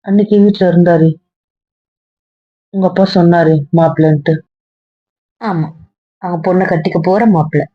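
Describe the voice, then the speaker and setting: A woman's voice: on the low side, steady tone, moderate pace, pauses often, breathy edge. Firm-voiced woman in a lo-fi web drama. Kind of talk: amateur web series acting.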